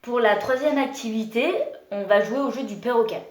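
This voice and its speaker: A woman leading an early-childhood music lesson for parents and children, explaining slowly and gently with many pauses and fillers. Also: fairly high pitch. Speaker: music teacher. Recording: roomy room with faint noise.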